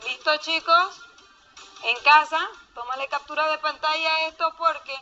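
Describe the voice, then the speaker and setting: A woman gives a children's lesson with a high, sharp, bright voice, talking slowly and patiently. The recording sounds a little dull, with faint music under it. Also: fairly even intonation. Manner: slow, patient explaining to pupils. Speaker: teacher. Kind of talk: online class lesson for children.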